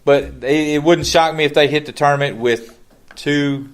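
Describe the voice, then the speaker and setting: Brief: male podcast co-host, fairly high voice, rambling, talkative, many restarts. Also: fairly even intonation, normal speed. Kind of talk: casual sports chat.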